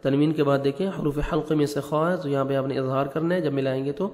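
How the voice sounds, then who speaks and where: A man with a Pakistani Urdu accent teaching Quran recitation, who explains each rule slowly and patiently and slips English words into his explanation. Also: on the high side, steady tone, darkish tone, big-room sound. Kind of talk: tajweed lesson, explaining rules between recited verses.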